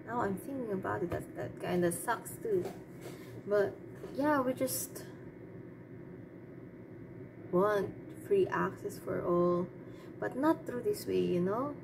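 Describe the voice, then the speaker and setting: Against a noticeably noisy background, a woman muses aloud about her opinions in an unscripted monologue that's hesitant and meandering. She speaks slowly and expressively in a mid-range voice, pausing often.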